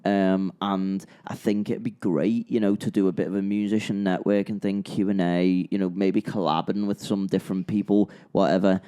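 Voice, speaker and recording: Deep, mellow-voiced British man chatting. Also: flat delivery, normal speed, few pauses, clear, resonant tone. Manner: rambling, repeats "yeah" and "you know". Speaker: podcast co-host, musician. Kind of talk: casual chat.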